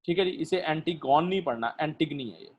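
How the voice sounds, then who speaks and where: A male lecturer, teaching a literature class online, explaining slowly with many pauses and fillers and putting questions to his students. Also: high voice, animated.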